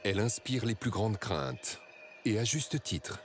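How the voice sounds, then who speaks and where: A man reading scripted nature documentary narration in a measured, dramatic storytelling way. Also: fairly low pitch, animated, faint music behind.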